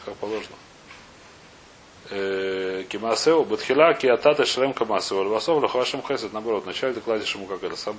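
Male teacher for an informal text lesson, reads then explains, gropes for words, poses questions; slightly noisy, hissy recording. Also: on the low side. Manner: halting, searching for words, questioning himself. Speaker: teacher of a Talmud class. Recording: clear background hiss and noise.

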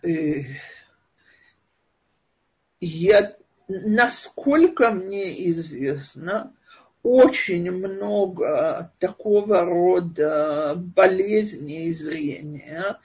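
A woman's voice: fairly low pitch, drawn-out words, a little mellow, slightly rough, muffled recording. A woman giving an online lecture and answering questions in a thoughtful, hesitant way, recorded over a video call.

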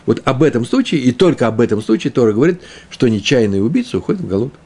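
A man teaching a Talmud lesson, explaining the text aloud, often repeating himself and slowing down on Hebrew terms. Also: medium pitch, animated, warm tone, slightly rough.

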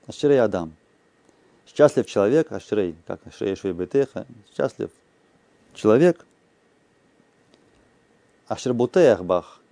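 A man with a low, mellow voice teaches a class at an unhurried pace, chanting short phrases and then explaining each one. The recording is dry and close, with no room sound. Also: no echo. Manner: slow, explanatory, chanting phrases aloud and translating. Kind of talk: explanatory lesson.

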